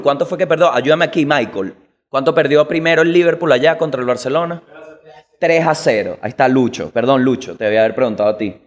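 A man with a Venezuelan accent hosting a comedic news monologue, animated and slangy, swearing and jumping into quick impressions. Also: medium pitch. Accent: Venezuelan Spanish. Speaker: comedy show host.

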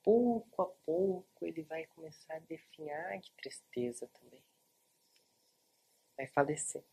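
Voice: mid-range voice, darkish tone, breathy edge. A literature teacher with a Brazilian accent retells a novel in a chatty, informal online lesson and talks straight to the viewers. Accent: Brazilian Portuguese.

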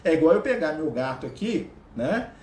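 Brazilian man giving a lively spiritual talk. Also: on the high side, normal speed, slight background noise. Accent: Brazilian Portuguese. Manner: conversational, keeps checking in with listeners. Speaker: spiritual teacher. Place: at home, with a pet cat. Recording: roomy echo.

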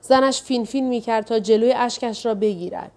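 Higher-voiced woman narrating a novel. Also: darkish tone. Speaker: audiobook narrator.

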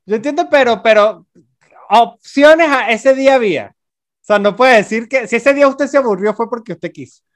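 A podcast guest, a man with a Venezuelan Spanish accent and a high voice, chats casually. He keeps agreeing with quick, easy replies. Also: animated. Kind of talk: casual chat.

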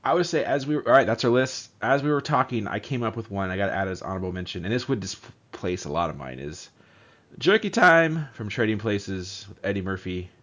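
A man's voice: lowish voice, a little fast. A man co-hosting a casual podcast, joking and cursing as he chats about movies. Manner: joking, animated, swears casually. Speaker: podcast co-host. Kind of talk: casual chat. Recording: dull lo-fi audio.

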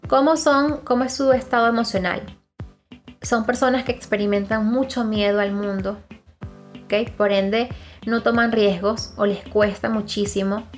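A woman hosting a self-help podcast, talking emphatically and repetitively while speaking straight to her listeners. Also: medium pitch. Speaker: podcast host.

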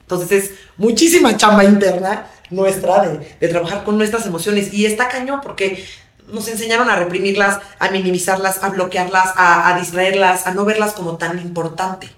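A woman's voice: mid-range voice, fairly even intonation, normal speed. A Mexican woman talks parenting in an easygoing podcast chat, earnest and explanatory, now and then slipping into the voices of the mothers she works with. Her voice sits in a noticeably roomy, echoing space. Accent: Mexican Spanish. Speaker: parenting coach. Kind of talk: casual podcast conversation. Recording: roomy echo.

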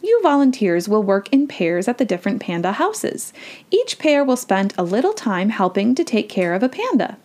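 A woman reading as a brisk, orderly female guide from a storybook, giving instructions in an even, businesslike way. Her lines stay plain and clear. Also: medium pitch, lightly acted. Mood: instructive. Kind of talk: storybook read-aloud.

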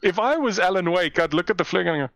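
Fast and high-voiced, this South African comedian guest spins animated stories in a casual chat, jumping into mock voices and laughing frequently. The audio is free of echo.

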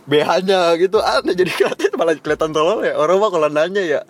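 A man's voice: sits high, expressive, fast. A young man co-hosting a podcast, chatting casually, joking, swearing and laughing often. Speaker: podcast co-host. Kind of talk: casual chat.

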